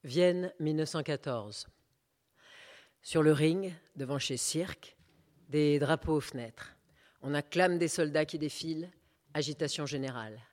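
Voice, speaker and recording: Guy reading a play out loud, stage directions, fairly high voice, even tone. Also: in a large hall. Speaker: reader of a play.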